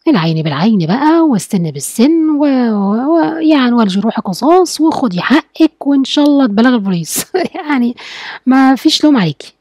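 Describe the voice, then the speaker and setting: A woman's voice: sits high, lively intonation, a little fast, a little mellow, no room sound. An Egyptian woman giving a chatty advice lesson to wives, acting out sample talks with a husband. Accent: Egyptian Arabic. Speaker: religious and marriage advice teacher. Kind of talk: casual spoken lesson to wives.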